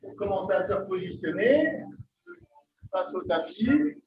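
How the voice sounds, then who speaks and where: A man's voice: sits high, lively intonation, a little slow. A man leading a live online workout class as fitness coach, counting down reps and coaxing people on in an upbeat way over a video call. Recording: dull lo-fi video call audio. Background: faint workout music.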